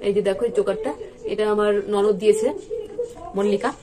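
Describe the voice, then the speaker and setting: A woman's voice: mid-range voice, little pitch movement, brisk, background noise. A young woman from West Bengal chatting casually at home in a vlog, rambling with many fillers and restarts. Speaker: vlogger.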